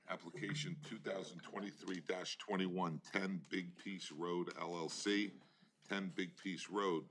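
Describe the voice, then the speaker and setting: Male board chairman, very low voice, halting procedural delivery, clearly noisy meeting room recording. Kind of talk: formal meeting procedure with informal asides.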